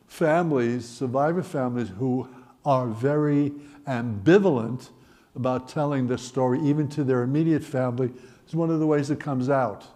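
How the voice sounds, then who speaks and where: A man in his eighties from the Netherlands, telling his life story in a wry, gently humorous way. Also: medium pitch. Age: 80s. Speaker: Holocaust survivor speaker. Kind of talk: personal storytelling talk.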